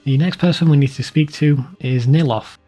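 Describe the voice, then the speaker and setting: A man reads a scripted video game walkthrough in a plain, informal, instructional manner, with soft music behind him. His voice is on the high side and dark in tone, at a moderate pace.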